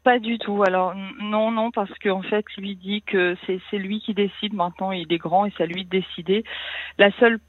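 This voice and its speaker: A woman's voice: mid-range voice, fairly even intonation, no room sound. Woman caller on a tinny phone line. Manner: hesitant, halting, many restarts. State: emotional. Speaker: radio show caller.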